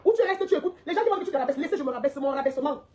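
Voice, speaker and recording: A woman's voice: high-pitched, expressive, rapid-fire, dark tone, a little hiss or hum. A woman delivering a heated, confrontational social media rant, repeating her points and laughing mockingly.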